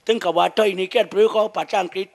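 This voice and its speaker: A Southern Thai shadow puppet master tells crude comic stories full of jokes and laughs. His voice is high and gravelly, with fairly even intonation, and he talks very fast.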